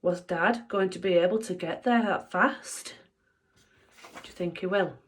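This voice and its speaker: A woman teacher reading a children's book aloud, with expressive, playful storytelling. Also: on the low side, unhurried, breathy edge.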